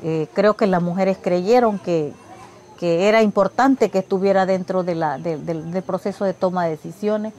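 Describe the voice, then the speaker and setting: A woman's voice: fairly low pitch, normal speed, a little mellow, a little hiss or hum. A woman gives interview commentary hesitantly, often restarting her phrases.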